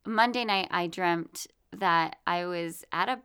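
A woman's voice: on the low side, slow, pushed and bright, smooth. A woman co-hosting a spooky podcast in casual chat, with dry, brief, understated replies. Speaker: podcast co-host.

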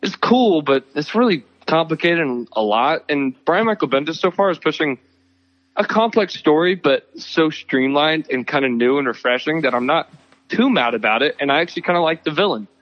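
A man's voice: fairly high pitch, animated, normal speed, a bit bright. Man on a lo-fi video call. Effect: video call audio, breaking up. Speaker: podcast co-host. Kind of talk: casual chat about comics. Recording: dull lo-fi video call audio.

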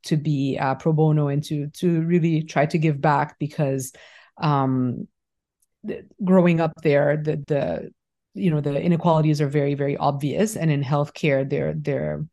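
A middle-aged woman from Haiti talks as a guest on an interview podcast. Her voice sits low, and she speaks in a thoughtful, halting way, often restarting her sentences. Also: fairly even intonation, mellow. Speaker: fertility doctor, podcast guest. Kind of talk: conversational interview.

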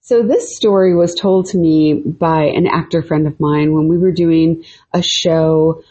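A woman's voice: deep voice, steady tone, measured pace, mellow. A middle-aged woman co-hosting a podcast, chatting casually and retelling a friend's spooky story with easy laughs. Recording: muffled lo-fi podcast audio.

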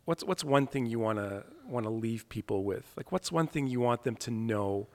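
A man interviewing a guest in a casual chat, affirming and warm, growing lively when he recalls events. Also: medium pitch, normal speed. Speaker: interviewer, pastor.

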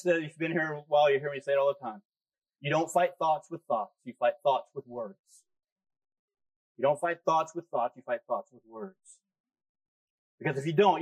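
A man preaching a sermon as pastor, emphatic and repeating key phrases for effect. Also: fairly high pitch. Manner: emphatic, repeats key phrases, talks back to his own flesh.

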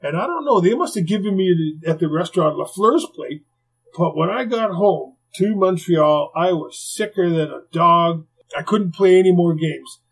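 An older man, a retired hockey player, tells stories in an interview in a lively, conversational way, with frequent asides and acted-out quotes. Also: fairly high pitch, breathy edge, poor audio. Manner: lively, conversational, heavy on "you know" asides, acts out quotes. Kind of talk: anecdotal interview storytelling.

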